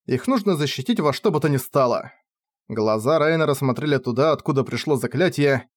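A man narrating a fantasy novel as an audiobook in a dramatic, measured reading. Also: mid-range voice, animated, no echo.

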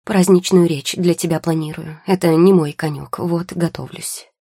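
A woman's voice: fairly low pitch, steady tone, moderate pace, warm tone, husky, dry recording, clean studio sound. A woman voicing a prickly, sarcastic young witch. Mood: curt. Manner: curt, sarcastic retorts. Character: tired, prickly young woman potion-maker. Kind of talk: audiobook character voice.

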